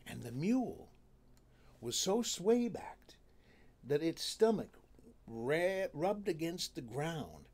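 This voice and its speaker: Animated folksy man telling a tale. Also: a little high, vocal fry. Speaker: storyteller. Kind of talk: folk tale storytelling.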